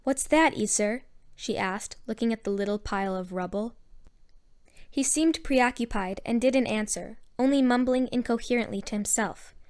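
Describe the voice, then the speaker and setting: A woman narrating a story in a measured storytelling manner. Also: on the high side, darkish tone, clean tone. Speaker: audiobook narrator.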